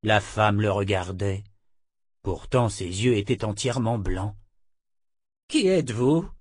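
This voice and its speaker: Male audiobook narrator, measured, very slow, dry close sound. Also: lowish voice, fairly even intonation, breathy edge, dry recording. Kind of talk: scripted narration.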